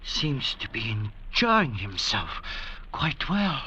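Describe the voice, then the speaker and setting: An actor playing an anxious, melancholy castaway in an old-time radio drama, plaintive and suspicious. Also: male voice, medium pitch, wildly swooping pitch, slow pace. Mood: gloomy, brooding. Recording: dull, noisy vintage radio recording.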